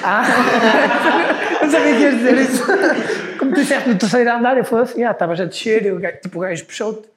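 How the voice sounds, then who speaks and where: Fast-talking high-voiced Portuguese guy. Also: reverberant, crowd noise. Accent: European Portuguese. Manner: teasing, jokey interjections. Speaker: podcast co-host. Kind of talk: casual chat.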